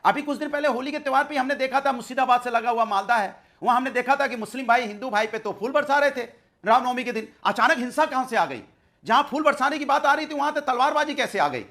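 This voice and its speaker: A man's voice: very high-pitched, quick pace, fairly bright tone. A man arguing as a panelist in a heated TV debate, emphatic and repeating his points. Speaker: political panelist.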